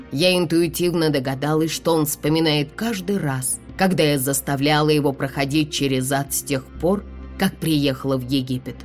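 A woman narrating a dramatic first-person audiobook in an expressive way. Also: sits low.

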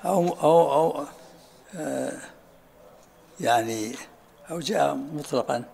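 A man teaching a study circle as sheikh, explaining texts at an unhurried pace and often asking students to repeat what they said. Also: fairly high pitch, gravelly, mellow, slight background noise. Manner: unhurried, often asks "ha?" to have things repeated. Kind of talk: lesson commentary with questions and answers.

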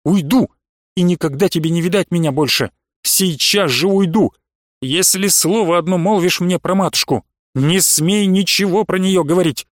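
A man reading aloud and voicing a bold, teasing young peasant woman with a quick temper. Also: a little high, expressive, no room sound, studio quality, lightly acted. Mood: fierce. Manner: teasing, coaxing, then fiery.

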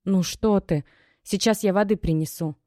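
A woman reading an audiobook and voicing a guilty young woman who speaks quietly and apologetically. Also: mid-range voice, moderate pace, no room sound, clean studio sound, voice pushed up, close to an everyday voice. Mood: guilty, soft. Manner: quiet and conciliatory. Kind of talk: audiobook character voice.

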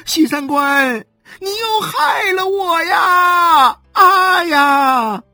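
A woman's voice: a little high, very animated, slow pace, a bit bright, breathy edge, no echo, faint music behind, pitched above the performer's own voice, full character voice. A woman voicing a young wife in agonizing labor who sobs, wails and screams curses at her husband in an audiobook. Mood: screaming curses. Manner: wailing, sobbing, screaming curses.

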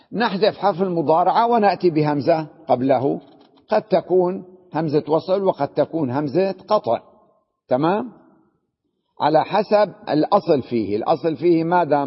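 A man with a fairly high, husky voice teaches a grammar class. He explains step by step and keeps asking his students questions. The recording is dull and lo-fi, with a long hall reverb. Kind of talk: classroom lesson.

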